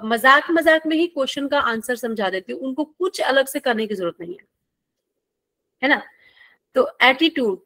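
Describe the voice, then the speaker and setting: A woman's voice: high voice, a bit bright, dry recording. Friendly Hindi-speaking woman teacher. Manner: friendly, playful teaching with call-and-response questions. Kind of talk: classroom lecture.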